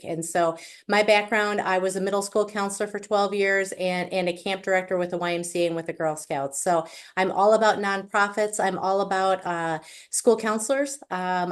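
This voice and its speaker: Chatty woman with a Wisconsin accent. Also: on the low side. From Wisconsin, USA. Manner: chatty and self-deprecating, with many fillers. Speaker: panelist. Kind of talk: casual panel remarks over a video call. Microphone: video call.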